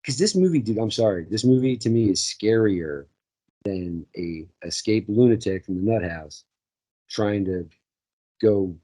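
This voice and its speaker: A man's voice: on the low side, lively intonation, measured pace, warm tone. A man co-hosting a podcast, talking casually about a film, swearing freely and acting out quotes. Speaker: podcast co-host. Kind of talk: casual movie chat.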